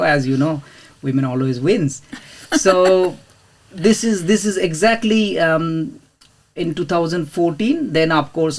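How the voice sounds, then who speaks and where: A man in his thirties, originally from India, speaking as a guest in a casual interview, with frequent fillers and restarts. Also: on the high side. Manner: hesitant, many fillers and restarts. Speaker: podcast guest, property investor.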